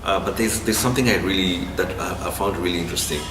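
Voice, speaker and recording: A man with a Kenyan accent answering interview questions conversationally, in a halting way with repeated phrases. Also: low-pitched. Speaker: interviewee, literary blogger. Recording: distant, echoey, noisy room.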